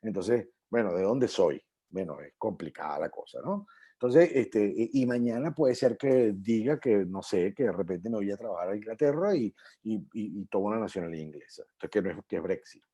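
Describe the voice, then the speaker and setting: A middle-aged man from Venezuela speaks on an online panel over a video call. His voice is very dark and mellow, and he explains at length, stumbling through restarts and fillers. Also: fairly low pitch, lively intonation, moderate pace, husky.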